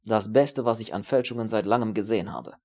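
A man voicing a worldly male exile with a brisk, matter-of-fact manner, a touch louder than his narration. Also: fairly low pitch, lightly acted.

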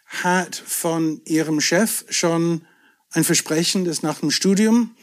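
A man's voice: on the high side, takes it slowly. A middle-aged man from southwest England, whose first language is English, chatting as a podcast guest and telling stories with self-deprecating humour. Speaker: podcast guest, whisky entrepreneur. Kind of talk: casual chat.

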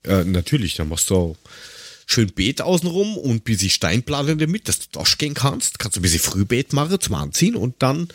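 A podcast co-host rambles through casual, joking chat, haltingly searching for words and showing a dry, sarcastic streak. His medium-pitched voice is very animated, with no room sound.

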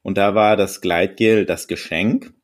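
A man playing a smug, drily polite character in an improvised comic phone role-play, wordy and bureaucratic with a deadpan manner. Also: fairly low pitch, unhurried, lightly acted. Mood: guarded, deadpan. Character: smug, drily polite male landlord's agent and customer.

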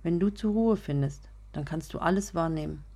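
A woman reading a story aloud, voicing a calm, soft-spoken young man who speaks earnestly about finding inner peace. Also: lowish voice, normal speed, slightly rough. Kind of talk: audiobook reading.

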